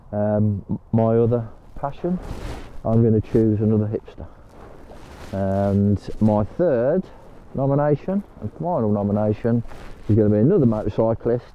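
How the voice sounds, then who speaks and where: Paddling a kayak along a canal, an older vlogger with a lowish voice talks casually to the camera and now and then addresses his dog. The recording sounds muffled, with slight hiss or hum.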